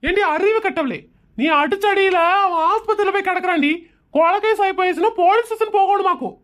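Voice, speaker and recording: A woman's voice: extremely high pitch, fast. A woman voicing an exasperated scolding husband. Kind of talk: animated comedy cartoon voicing.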